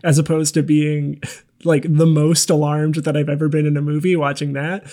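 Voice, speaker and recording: A man's voice: fairly high pitch, flat delivery, moderate pace, mellow. A man co-hosting a podcast, talking about a horror film in a wry, rambling way. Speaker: podcast co-host. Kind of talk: casual movie discussion.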